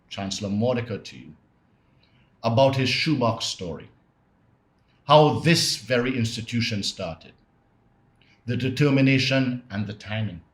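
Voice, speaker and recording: A man, a government minister, delivering a commencement address with measured rhetorical repetition. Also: lowish voice, reverberant. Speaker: guest speaker, government minister.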